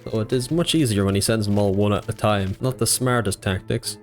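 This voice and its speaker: A man with a fairly low voice narrates gameplay footage in a scripted voice-over. His humor is dry and offhand, and he slips asides in between the updates. Faint music plays underneath. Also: steady tone, brisk. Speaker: gaming YouTuber.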